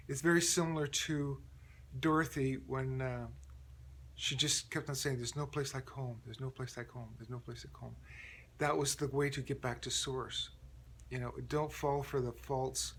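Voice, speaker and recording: A man hosting his own channel, talking in a loose, rambling monologue full of restarts and fillers, often clearing his throat. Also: mid-range voice, a bit bright. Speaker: channel host. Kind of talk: casual monologue.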